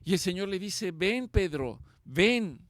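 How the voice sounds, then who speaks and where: A man with a high voice preaches a sermon in a slow, deliberate cadence. He leans on repetition and emphasis, building fervor as he exhorts his congregation. The sound is dry and close. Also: expressive, fairly bright tone, no echo. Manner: impassioned preaching, slow and emphatic with repeated phrases. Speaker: pastor.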